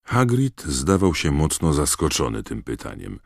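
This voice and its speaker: A man narrating an audiobook in a measured, expressive storytelling manner. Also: a bass voice, creaky, no room sound, clean studio sound. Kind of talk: scripted narration.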